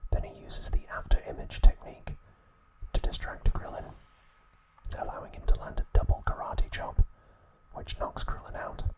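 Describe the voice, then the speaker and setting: The recording is rough as a male ASMR host whispers breathily the whole time. He softly narrates a recap in short, measured phrases.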